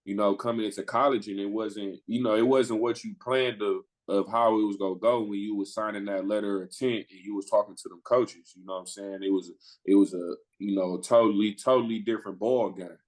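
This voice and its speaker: In a casual storytelling interview with poor audio quality, a podcast guest with a lowish voice talks a little fast and barely pauses. He's a pro basketball player in his twenties from the US Midwest, spinning his story in slangy, animated fashion and performing the lines of the people he quotes.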